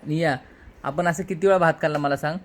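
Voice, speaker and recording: A man in his thirties, a father and vlog host, gently and playfully questioning his small daughter in a casual home video. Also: a little high, steady tone, fast talker, slight background noise.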